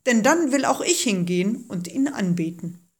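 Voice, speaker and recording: A woman's voice: a little high, very animated, moderate pace, breathy edge, full character voice. A woman voicing a scheming old king in a storybook reading, with a sly, falsely friendly manner. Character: scheming old male king, cunning tyrant.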